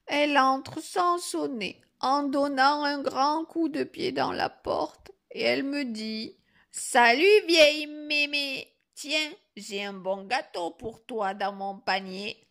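A woman reading a storybook aloud, voicing a sly, gentle grandmother with a small, quavering old voice. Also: high-pitched, fairly even intonation, slow, vocal fry, pitched above the performer's own voice, exaggerated voice. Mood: weary.

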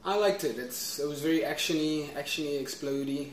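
A man's voice: a little high, fairly quick, slight background noise. Easygoing male co-host, distant and echoey. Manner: easygoing, chuckling, brief replies. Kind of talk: casual movie news chat. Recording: echoey room, distant mic.

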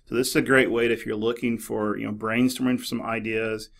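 A middle-aged man narrating a screen-recorded tutorial in a relaxed, explanatory way, with many fillers and restarts. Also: fairly low pitch, brisk, vocal fry. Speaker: librarian demonstrating a database. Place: office.

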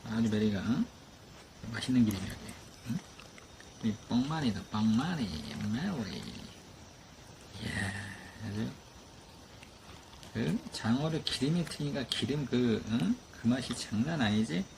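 A man with a gravelly, creaky voice coos at his dogs in affectionate baby talk, his pitch bouncing widely up and down. Steady background noise is clearly heard under the recording. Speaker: dog owner vlogger. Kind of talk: casual talk to pets.

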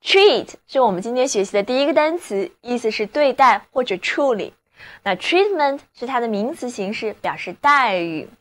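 A woman whose first language is Chinese, presenting a scripted English vocabulary lesson and slowing down to spell words and model example sentences. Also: a little high. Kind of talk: scripted radio-style lesson narration.

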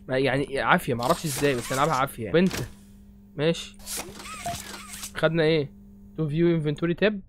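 A man's voice: a little high, a little hiss or hum. A young Egyptian man hosting a horror game playthrough, rambling and joking nervously. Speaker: gaming host.

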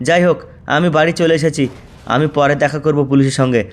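A man's voice: a little high, steady tone, quick pace. A man voicing a game character in a comic skit, chatting in a bewildered way to viewers. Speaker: game video voice-over.

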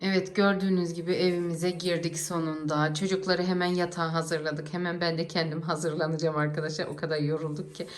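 A woman's voice: fairly low pitch, level tone, brisk, few pauses. A woman talks casually to her vlog audience. She addresses viewers directly as a family vlogger.

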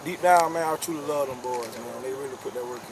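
Coach, distant, crowd behind. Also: male voice, mid-range voice, quick pace. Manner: repeats words, fills with "man". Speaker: youth football head coach. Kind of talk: postgame interview. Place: outdoor football field at night.

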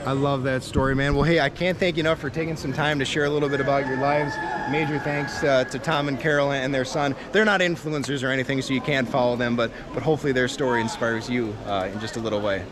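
A man's voice: medium pitch, steady tone, fast talker, few pauses, a crowd in the background. A man in his thirties vlogging casually outdoors at a temple site, upbeat and chatty, with frequent laughs, filmed on a camera at arm's length. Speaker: travel vlogger. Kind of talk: casual travel vlog. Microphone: handheld action camera at arm's length. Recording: loud outdoor background noise. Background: loud outdoor street noise.

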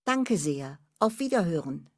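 A woman's voice: fairly low pitch, very animated, measured pace, dry recording, clean studio sound, exaggerated voice. A woman playing a polite, accommodating customer in a language-course dialogue. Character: polite, accommodating female customer making a booking.

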